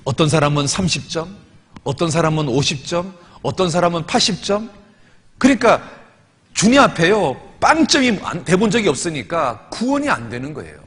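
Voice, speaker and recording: A man's voice: a little high, slightly rough. A male pastor preaching a sermon, telling a story with emphatic repetition. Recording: long hall reverb.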